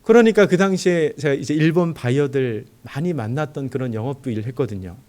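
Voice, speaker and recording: A man's voice: a little high, brisk. A young man, a junior pastor, preaching in a church and telling his own story, acting out the dialogue as he goes. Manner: animated storyteller who acts out dialogue. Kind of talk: sermon with personal testimony.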